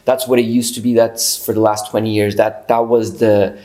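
A man's voice: lowish voice, level tone, normal speed, warm tone. A man, a guest chatting casually in an interview, easygoing and full of fillers. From Portugal. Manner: easygoing, many fillers and restarts.

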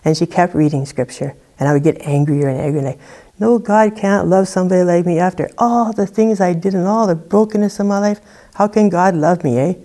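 Woman, testimony guest, deep mellow voice, chatty storytelling. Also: brisk. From Saskatchewan, Canada. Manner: conversational storytelling with many "you know" and "like" fillers. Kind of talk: personal testimony.

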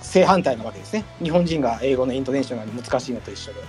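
A man's voice: medium pitch, expressive, racing, darkish tone, faint music behind. A male host asking polite, hesitant questions with many fillers in a casual online audio chat. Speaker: podcast host.

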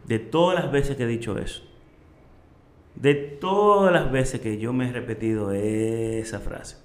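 A middle-aged man with a Dominican Spanish accent tells his story as a chef being interviewed. His mid-pitched voice turns animated and emotional as he acts out the people in it. The room around him is echoey. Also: unhurried. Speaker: chef and restaurant owner, guest.

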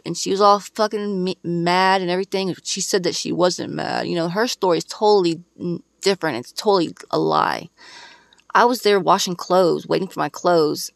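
A woman ranting angrily on her podcast, swearing constantly and hammering home her points. Her voice has a rough, gravelly edge, and the dry sound sits close and plain. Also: lowish voice, no room sound. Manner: angry, profane and emphatic. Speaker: podcast host. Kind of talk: casual ranting monologue.

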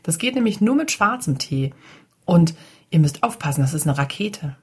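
At a birthday party, a woman voices a small child, going fully into character with a raised, eager voice pitched above her own. It sits high and fairly bright, swinging hugely in pitch at a moderate pace.

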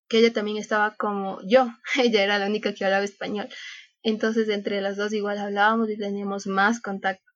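A young scout leader talks as a podcast guest, her voice sitting a bit high. She tells her story in a chatty way and acts out the lines of the people in it. The recording sounds muffled and lo-fi. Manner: chatty, acts out quoted dialogue, frequent laughs. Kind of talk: casual interview storytelling. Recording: dull, lo-fi sound.

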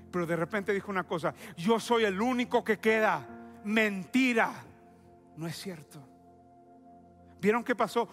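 A man preaching a sermon as pastor, emphatic and repetitive, drawing out key phrases slowly. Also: high voice, a bit bright.

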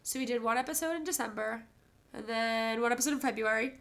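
Talking fast in a slightly high, fairly bright voice, a young woman with a stuffy nose co-hosts a podcast. The chat is casual, full of stories and frequent laughter.

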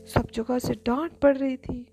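A woman narrating a children's story in a lively, expressive way with chatty asides to the listener. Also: high voice, unhurried, gravelly. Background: background music.

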